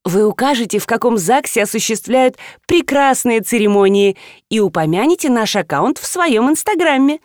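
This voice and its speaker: A woman's voice: mid-range voice, sing-song, moderate pace, dry recording, studio quality, natural voice. A woman reading the part of a formal, bureaucratic female registry official. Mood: sugary. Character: stiff middle-aged female registry official.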